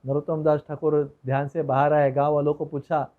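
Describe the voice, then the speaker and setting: High-voiced man telling a devotional story. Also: flat delivery, a little fast, narrow, tinny audio. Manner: conversational, digressive, with many hmm fillers. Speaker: preacher.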